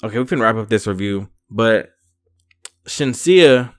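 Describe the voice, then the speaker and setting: A man's voice: fairly low pitch, lively intonation, unhurried. A young man giving a casual, slangy review of a reality show, filling his talk with "like" and "um" and dropping to a mumble for asides. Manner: chatty, slangy, lots of "like" and "um". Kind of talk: casual commentary.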